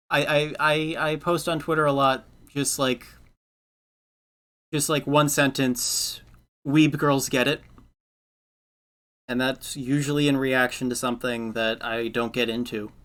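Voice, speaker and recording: A man's voice: mid-range voice, fairly even intonation, slow pace, long pauses, sharp tone, clean tone. A man hosting a podcast, chatting casually in a rambling way, repeating words and laughing often. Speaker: podcast host. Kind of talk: casual chat.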